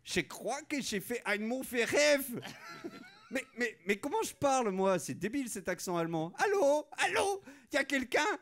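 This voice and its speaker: A man voicing a fanatical woman politician with a German accent, ranting in a shrill, pious way. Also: very animated, moderate pace, a bit bright, full character voice. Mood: startled.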